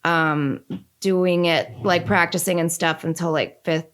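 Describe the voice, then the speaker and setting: A young woman from the Northeastern United States, chatting as a podcast guest, candid and lively with lots of fillers. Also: fairly low pitch, a little slow. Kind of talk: casual conversation.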